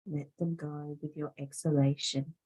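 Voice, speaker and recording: A yoga instructor guides a meditation, her deep voice calm, soothing, and deliberate, with long pauses between phrases. The audio quality is poor.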